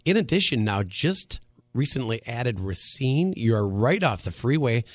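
A man's voice: mid-range voice, big pitch swings, unhurried, no room sound. A man co-hosting a radio talk show, teasing his guests and laughing easily as he introduces them. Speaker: radio co-host. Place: radio studio. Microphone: studio microphone.

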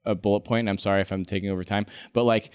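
A young man in casual chat, telling an excited story with laughs and swearing. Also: on the low side, racing, clean tone.

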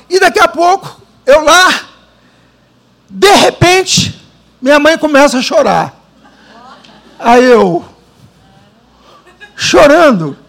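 A man from Brazil preaches with a strikingly high voice carrying a gravelly, fried edge. He tells his own story in an animated way, slowing down for dramatic pauses. His delivery moves between scripture reading and lively storytelling. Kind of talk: sermon with personal testimony.

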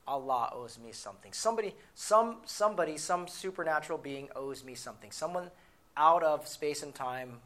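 A middle-aged man giving a motivational talk, telling personal stories with lively swings from quiet asides to loud acted quotes. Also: medium pitch. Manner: animated storyteller, shouts in acted quotes, drops to quiet asides.

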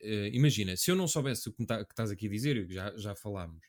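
Fast-talking man, colloquial. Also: fairly low pitch, expressive. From Portugal. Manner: colloquial, opinionated, seeks agreement with tags. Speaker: podcast co-host. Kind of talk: casual chat.

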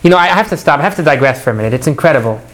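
A man teaching a Torah class to students, animated, asking rhetorical questions and mixing in Hebrew prayer phrases. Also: a little high, very fast. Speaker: religious teacher.

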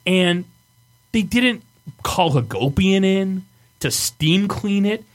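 A man with a Michigan accent tells stories as a casual podcast host. His voice sits a little high and moves around a lot in pitch. He swears freely and sounds exasperated. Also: lively intonation, slow pace. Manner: profane, exasperated storyteller. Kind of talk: casual storytelling banter.

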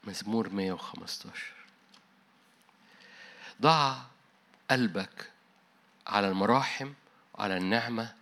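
A man with an Egyptian Arabic accent preaching a sermon, emphatic and full of rhetorical questions, dropping his voice low at the close. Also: fairly bright tone.

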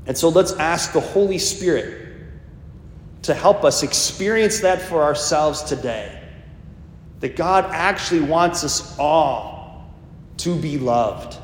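A man's voice: on the high side, expressive, takes it slowly, pauses often, a little hiss or hum. A priest in his fifties giving a homily in a conversational, storytelling way. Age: 50s. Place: church. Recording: echoey church, long reverb, faint ambience.

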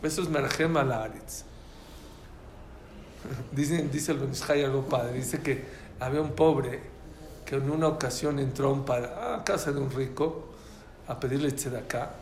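A man's voice: medium pitch, a little slow, long pauses, echoey room, a little hiss or hum. A man with a Mexican Spanish accent teaching a religious class, telling stories and quizzing his listeners. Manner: animated, quizzes the audience.

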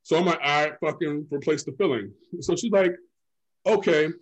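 A young man with a slightly high voice tells stories in loose, casual podcast chat. His delivery is animated and full of profanity. He keeps reaching for "like" and "you know what I'm saying" as he goes. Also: normal speed, lo-fi sound.

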